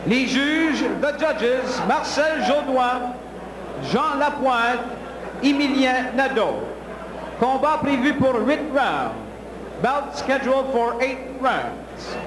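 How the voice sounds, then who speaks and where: A man's voice: very high voice, animated, slow pace. A man working as a boxing ring announcer, making formal, declamatory introductions and drawing out the boxers' names. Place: indoor boxing arena over loudspeakers. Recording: echoing arena PA, long reverb, noisy.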